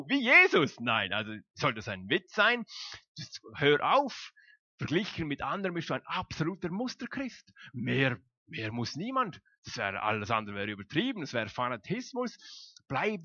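A preacher voicing the voice of evil as a mocking, goading tempter. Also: male voice, husky, dry recording, full character voice. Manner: mocking, goading, high and loud. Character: sneering tempting voice of evil, male. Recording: dull, dry lo-fi sound.

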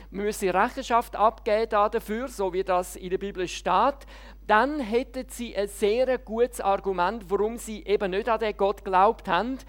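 A woman preacher, giving an earnest, emphatic sermon. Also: mid-range voice.

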